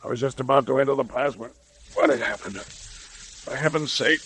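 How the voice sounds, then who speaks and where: A desperate, spent man from a 1930s radio adventure, played by an actor. He gasps in a mid-pitched voice on a vintage recording. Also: moderate pace, a bit bright, a little hiss or hum, lightly acted. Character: desperate, exhausted male avalanche survivor.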